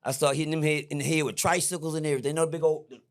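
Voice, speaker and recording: A middle-aged man, a podcast guest, telling a story in a lively, slangy way, repeating himself and jumping high when excited. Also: rapid-fire. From Texas. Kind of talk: animated storytelling. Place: podcast studio.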